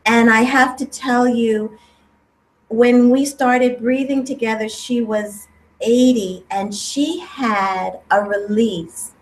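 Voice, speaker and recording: A middle-aged woman, a breathwork teacher, speaking gently and warmly about breath and healing in an interview. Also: a little high, fairly even intonation, slow, a little hiss or hum, rough recording. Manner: gentle, soothing, heartfelt. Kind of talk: spiritual interview talk.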